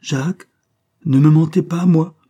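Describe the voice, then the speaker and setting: An anguished young woman pleading with her lover, as a male audiobook reader puts her on. Her voice climbs high and urgent, with a mellow, slightly husky grain. She sounds impassioned and devoted. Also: steady tone, a little slow. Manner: pleading, impassioned, rising in pitch. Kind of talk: audiobook character reading.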